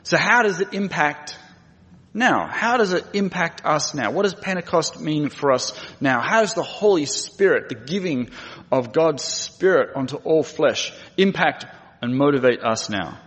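A middle-aged Australian man, a guest preacher and missionary, delivers a conversational sermon with dry humour and plain speech. His fairly high, somewhat bright voice has lively intonation and a measured pace. The recording comes from a large church room, an echoey hall with long reverb.

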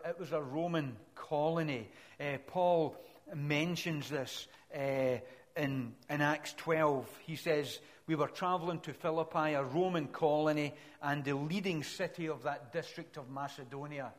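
Middle-aged Glaswegian preacher, slightly higher male voice, conversational sermon with wry asides. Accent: Glaswegian Scottish. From Scotland. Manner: conversational, self-deprecating asides between scripture readings.

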